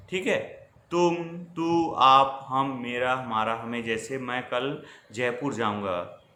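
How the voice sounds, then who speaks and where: A man's voice: mid-range voice, fairly bright tone. Man teaching a grammar lesson, echoey room. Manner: explanatory, addresses students directly with frequent checks. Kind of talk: classroom-style grammar lesson over slides. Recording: echoey room with faint ambient noise.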